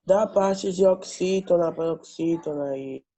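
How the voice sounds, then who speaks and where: A male student on a video call, asking a teacher hesitant, halting questions. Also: high voice, mellow.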